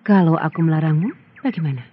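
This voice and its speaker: A woman's voice: low voice, fast, breathy edge. An actress voicing a stern, commanding queen in an old radio drama, with an authoritative, questioning manner. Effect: old radio show sound. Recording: thin, phone-like old radio play with music.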